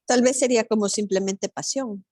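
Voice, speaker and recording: A woman's voice: on the high side, moderate pace, darkish tone. A woman taking part in a Bible study class, giving short, ready answers. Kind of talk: class discussion.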